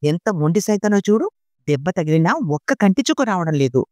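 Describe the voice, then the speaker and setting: A woman voicing a strict, quick-tempered wealthy father in an audiobook story reading, with a scolding, commanding manner. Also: lowish voice, big pitch swings, warm tone, no echo, studio quality. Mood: angry.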